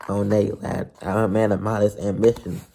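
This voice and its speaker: Meet a greedy old crab of a restaurant owner, as a man reading a storybook puts him on, gruff and sailor-like in his talk. His voice sits low and gravelly, with a dark, husky edge. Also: level tone, normal speed. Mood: cheery. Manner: old sailor talk, calls people lad.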